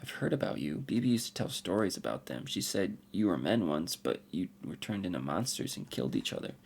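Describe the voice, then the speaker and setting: A man's voice: low-pitched, big pitch swings, a little fast, gravelly, darkish tone, a little hiss or hum, full character voice. A man voicing a bold, curious village girl of nearly nine who fires blunt questions.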